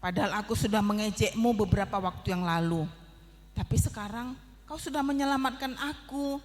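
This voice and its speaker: A woman voicing a boastful little ant in a children's Bible story, with big swooping pitch leaps. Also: a little fast, darkish tone, in a large hall, lightly acted. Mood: remorseful. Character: boastful little ant, later scared and sorry.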